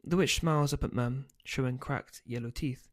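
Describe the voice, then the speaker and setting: A man, the book's author, reading his first chapter aloud in a steady storytelling voice. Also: medium pitch, normal speed. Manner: steady storytelling, loose and hesitant when speaking offhand.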